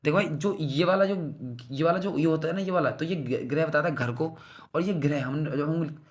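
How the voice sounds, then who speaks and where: A man's voice: fairly high pitch, moderate pace. Casual repeating tutor, man. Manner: repeats each word pair several times, checks in with "clear?"; calls the listener "bhai", speaks informally. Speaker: exam prep teacher. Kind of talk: casual revision lesson.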